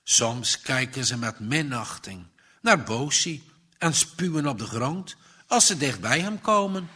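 A man reading a children's story aloud in a slow, expressive way. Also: medium pitch, husky. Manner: slow, expressive reading with dramatic rises and falls. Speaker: narrator.

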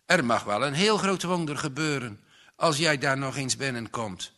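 A man's voice: mid-range voice, animated, moderate pace, bright, forceful tone. A man voicing a sincere young man in a spoken story, with an eager, questioning manner and a slightly raised voice. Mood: earnest. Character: searching, sincere young man, easily stirred.

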